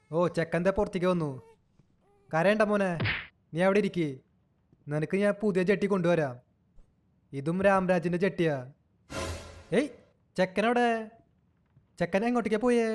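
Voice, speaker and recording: A young man giving playful game commentary, teasing and cooing at an in-game baby as if it were a child. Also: high-pitched. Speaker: gaming channel host.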